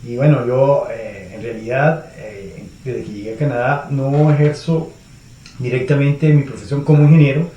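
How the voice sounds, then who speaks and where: Venezuelan man, mellow voice, echoey room. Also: medium pitch, fairly even intonation, dull audio, slight background noise. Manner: measured, with frequent hesitations and tag questions. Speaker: guest. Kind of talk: casual interview answers.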